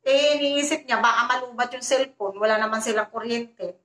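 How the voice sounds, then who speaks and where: A woman's voice: fairly high pitch, fairly quick, bright, forceful tone. A woman vlogger telling a ghost story in a chatty, casual way, often addressing her viewers, heard in a roomy echo.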